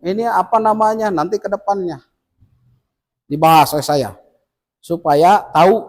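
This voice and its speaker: A man teaching tajwid to a group of village men, explaining rules patiently and chanting examples slowly. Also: sits high, a little mellow, poor audio. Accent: Indonesian. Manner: patient and instructive, chants verses slowly to demonstrate. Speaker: Quran recitation teacher. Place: village study gathering indoors.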